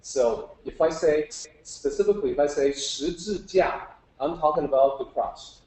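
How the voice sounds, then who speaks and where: On the high side and a little mellow, the man's voice keeps a moderate pace. He is a teacher holding an informal public lecture about Chinese characters, patiently explaining each step and questioning listeners, recorded with lots of room echo.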